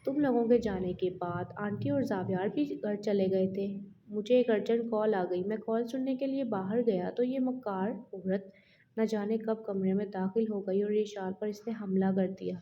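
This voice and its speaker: A woman's voice: medium pitch, highs cut off, a little hiss or hum, natural voice. A woman reading the part of an angry, protective young man in an audio novel, in her own voice. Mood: insistent. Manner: demanding, stern.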